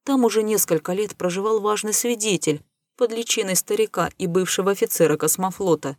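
A woman voicing a scheming, smooth-talking male spacer who lies with easy confidence, in an audiobook reading. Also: medium pitch, fairly quick, dry recording, clean studio sound, close to an everyday voice. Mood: smooth, persuasive. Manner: confident, lying with easy enthusiasm.

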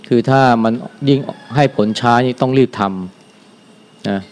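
Calm older monk, smooth voice. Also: male voice, mid-range voice. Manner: calm, unhurried, adds a soft "na" at the end of phrases. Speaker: Buddhist monk teaching dharma. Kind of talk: dharma talk.

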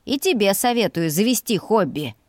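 A woman's voice: mid-range voice, expressive, moderate pace, no room sound, natural voice. A woman voicing a smug, bookish teenage brother with a dry smirking manner.

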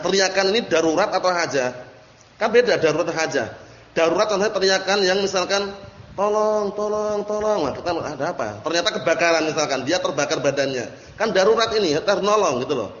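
A male religious teacher explains a text line by line in a slightly high voice and stops often to ask his listeners questions. The audio is dull and lo-fi, with a faint hiss. His voice rings through a large, echoey hall. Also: a bit bright. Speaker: Islamic teacher. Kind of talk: religious study lesson.

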